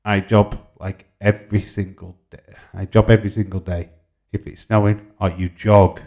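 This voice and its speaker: The voice is fairly low and warm, delivered flatly at a normal speed. It comes from a Yorkshire-accented live stream host in his forties, from Yorkshire, England, who reads comments aloud and bantering informally as he replies.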